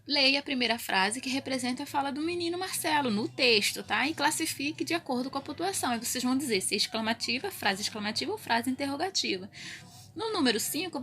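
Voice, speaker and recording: A primary school teacher records a grammar lesson for young children, walking through it step by step and frequently checking in with her pupils. Her voice sits high and sounds slightly bright.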